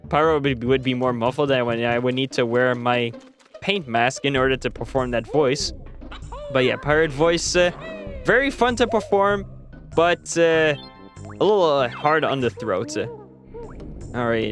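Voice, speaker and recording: A man hosting a gaming video, chatting casually and rambling uncertainly with lots of fillers. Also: medium pitch. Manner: rambling, unsure, many fillers. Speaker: gaming channel host. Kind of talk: casual gameplay commentary.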